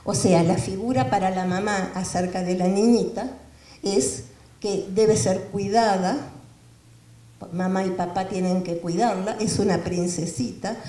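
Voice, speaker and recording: A woman giving an academic lecture in a measured, explanatory way. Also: mid-range voice, steady tone, mellow. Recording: roomy hall from far off.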